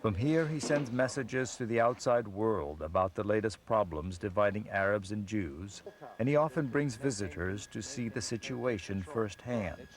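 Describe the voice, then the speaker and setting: A man reading a scripted documentary narration in a measured, even voice-over. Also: on the low side.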